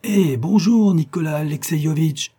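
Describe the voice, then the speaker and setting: Man doing keen young naval officer, pitched up, excitable, warm husky tone. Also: fairly quick, lightly acted. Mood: cheerful. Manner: excited, calling out. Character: young impetuous male naval lieutenant.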